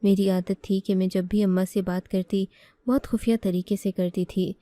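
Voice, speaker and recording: A woman narrating a first-person story in a steady, earnest way. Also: mid-range voice, normal speed, no echo.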